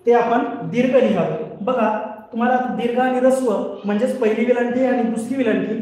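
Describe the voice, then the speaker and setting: Male teacher, high-pitched, patient, repeats rules, quizzes himself; echoey distant room recording. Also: fairly even intonation, brisk, warm tone. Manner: explains patiently, asks questions and answers them himself; repeats each rule several times. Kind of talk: online scholarship exam grammar lesson. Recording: very echoey hall, voice far from the mic.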